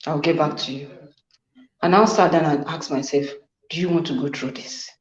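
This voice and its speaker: A woman caller from Nigeria talking on speakerphone from work, telling her story in a halting, hesitant way. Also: deep voice, fairly even intonation. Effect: on speakerphone, echoing. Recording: echoey, muffled phone line.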